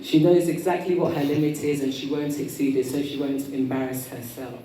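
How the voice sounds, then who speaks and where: A woman giving a motivational talk as an etiquette coach, with prim, precise enunciation and a measured, polite manner. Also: low voice, fairly even intonation, dark tone. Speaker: etiquette coach speaking at an event. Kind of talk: motivational talk to a live audience. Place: indoor event room with audience. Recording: roomy, distant mic, noisy hall.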